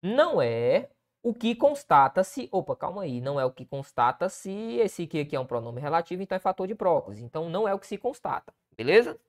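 A man's voice: fairly high pitch, sing-song, fairly quick. A man with a Brazilian Portuguese accent, a writing teacher correcting a student essay aloud, who keeps checking in with the listener and pointing things out on the page.

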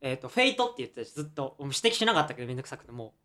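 Man, podcast co-host, fast talker, lively pitch, rough teasing banter. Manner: rough casual speech, quick teasing retorts. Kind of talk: casual banter.

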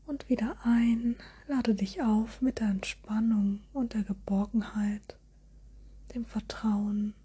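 A woman guiding a relaxation hypnosis in a soft, soothing, airy spa whisper with gentle suggestions. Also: fairly high pitch, fairly even intonation, takes it slowly, breathy edge. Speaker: hypnosis guide.

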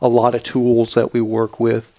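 A man's voice: mid-range voice, monotone, normal speed, mellow. A man who organizes cycling events, chatting casually on a podcast and rambling as he restarts and repeats words.

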